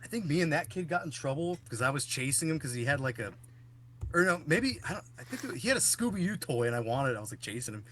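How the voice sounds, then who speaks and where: A man with a bright, forward voice hosts a podcast, rambling through stories with plenty of fillers and restarts. Faint noise sits behind him. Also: on the high side, sing-song, fast talker. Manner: rambling storyteller, many fillers. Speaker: podcast host. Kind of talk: casual chat.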